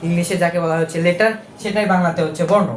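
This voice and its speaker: Male teacher, high voice, chatty and self-correcting, faint room noise behind. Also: fairly even intonation, rapid-fire, echoey room, poor audio. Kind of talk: casual video lesson.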